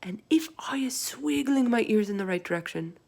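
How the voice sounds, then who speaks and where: A woman's voice: on the high side, animated, normal speed, creaky, a little mellow, voice pushed up. A woman voicing a big, friendly, earnest male giant in a storybook, speaking emphatically in quaint, muddled grammar. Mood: earnest, emphatic. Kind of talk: storybook read-aloud character voice.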